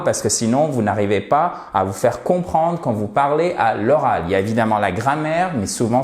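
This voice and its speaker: A man gives a casual English lesson in French. He keeps repeating words and stretching them out to model pronunciation. His mid-pitched voice carries a noticeable room echo. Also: a little mellow. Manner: switches between French explanation and slow, drawn-out English model phrases. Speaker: English teacher. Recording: roomy echo.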